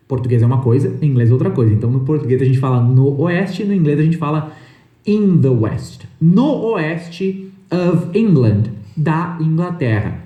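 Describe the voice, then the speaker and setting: A man's voice: on the high side, dark tone, reverberant. A man teaching an English lesson, explaining patiently and repeating each point, with frequent checks that the listener is following.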